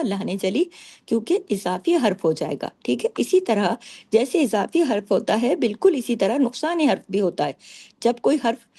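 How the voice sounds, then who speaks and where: A woman teaching Quran recitation rules in a patient way, explaining each rule and reciting verses slowly to show them. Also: on the high side, warm tone, husky. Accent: Pakistani Urdu. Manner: patient, repeats rules, checks understanding with "theek hai".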